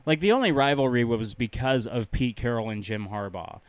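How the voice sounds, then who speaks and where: A young man vents on a podcast, swearing freely and sounding exasperated. His voice is clear and smooth at a middle pitch, recorded dry and close. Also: expressive, brisk, no echo. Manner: ranting, profane, exasperated. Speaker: podcast co-host. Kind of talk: casual chat.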